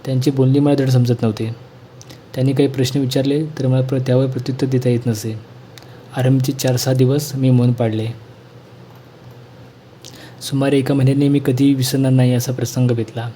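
A man reading a school textbook lesson aloud in a plain, measured way. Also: mid-range voice, level tone, mellow, a little hiss or hum.

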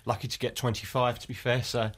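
Fast-talking jokey man from Essex. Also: medium pitch, level tone, a bit bright, husky. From Essex, England. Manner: jokey, rambling, self-mocking. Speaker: guest, spoof news writer. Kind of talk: casual interview chat.

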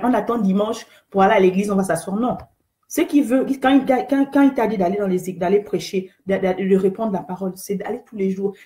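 A woman's voice: medium pitch, warm tone, reverberant. A woman hosting a live faith talk, earnest and exhortative, repeating key phrases and greeting viewers by name. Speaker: host of an online faith talk show.

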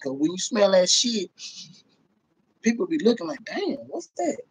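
An animated American man with a husky, high-pitched voice speaks a little slowly. Hosting a livestream, he rants casually to viewers, blunt and profane, repeating himself emphatically, into a phone or webcam held at arm's length.

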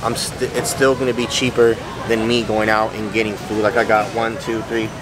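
His voice sits fairly low with little pitch movement and a moderate pace as the young fitness vlogger jokes in slang during a warehouse-store shopping trip. Crowd sounds and general store noise surround him.

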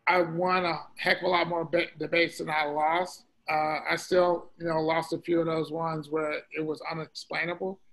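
A debate coach on a panel, speaking in a steady way and checking in with "right?" after his points. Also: fairly high pitch, rough recording. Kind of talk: panel discussion answer.

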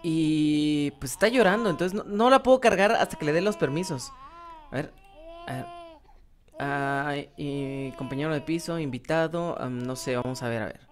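Speaking at a normal speed in a low voice, a female gaming host offers loose, meandering commentary on her play. She often stops to restart or fill gaps and speaks straight to her audience, addressing them as "chicos."

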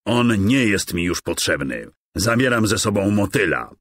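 A man voicing a sly, treasure-hoarding male lord of darkness in a children's game, speaking slowly and mockingly. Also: lowish voice, big pitch swings, a bit bright, dry recording, voice pushed up, exaggerated voice. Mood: gloating. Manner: mocking, gloating, slow and drawn out.

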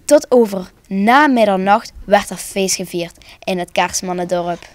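A woman narrating a children's Christmas story for broadcast, calm and expressive. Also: mid-range voice, measured pace, a little hiss or hum.

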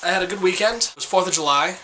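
A man's voice: sits high, fast talker, sharp tone, a little hiss or hum, rough recording. A young man in his twenties chatting casually to his webcam in a small room, rambling and self-deprecating. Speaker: vlogger. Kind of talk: casual chat to camera.

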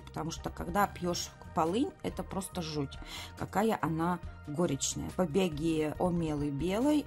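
A woman in her late thirties, with a low-side, darkish voice, chats enthusiastically while reviewing herbal teas. She sits at a table in a bright room, filmed from above, in a casual product review.

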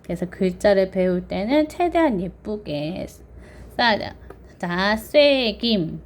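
A woman's voice: medium pitch, lively intonation, takes it slowly, a little hiss or hum. A woman teaching children online, patiently counting strokes aloud and drilling pronunciation.

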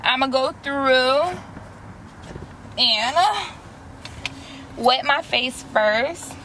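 A woman's voice: high voice, lively intonation, drawn-out words, pushed and bright, slight background noise. Chatty young woman vlogging in her car. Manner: chatty, slangy, talks straight to viewers. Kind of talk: casual chat while doing a face mask. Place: inside a parked car. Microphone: camera close in front.

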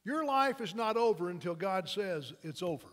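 A man with a high-pitched voice preaches a sermon from the pulpit, telling stories in a loose, conversational way and often restarting his sentences. His voice rings out with a long reverb, as in a large church sanctuary. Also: animated, moderate pace, fairly bright tone. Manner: conversational and anecdotal, with frequent restarts. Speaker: pastor.

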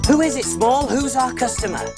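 A man's voice: very high-pitched, animated, normal speed, over loud music. A man playing a big, friendly male cook on a children's TV show, jolly and teasing, full of exclamations. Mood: cheery. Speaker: children's TV presenter. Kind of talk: children's TV acting.

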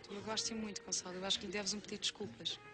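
An actress playing a gentle, forgiving young bride in a television soap, tender and sincere, with a European Portuguese accent. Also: female voice, mid-range voice, little pitch movement, rapid-fire, music in the background, lightly acted. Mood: encouraging, glad. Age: young adult. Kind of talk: television soap drama acting.

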